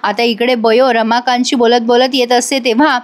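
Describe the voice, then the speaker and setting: A woman with a high voice narrates a TV serial episode casually. She is chatty and speaks directly to her viewers. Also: flat delivery, normal speed.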